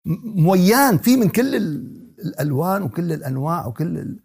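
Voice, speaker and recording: A man's voice: high-pitched, very animated, moderate pace, gravelly, a little mellow, breathy edge, heavily acted. A man voicing a young male student in a lesson, who pleads and makes casual excuses to his teacher. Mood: pleading.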